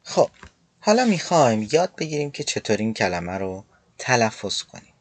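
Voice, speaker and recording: A man teaching an online language lesson, explaining and slowly demonstrating pronunciation step by step. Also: lowish voice, big pitch swings, dry recording. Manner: slow, careful pronunciation demonstrations.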